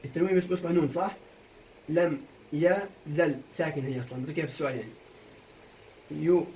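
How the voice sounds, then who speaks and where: A young man teaching a poetry meter lesson for exam prep, quizzing students with quick questions and answering them himself. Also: on the high side, a little mellow, far from the mic, poor audio. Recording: voice a bit off-mic, faint room noise.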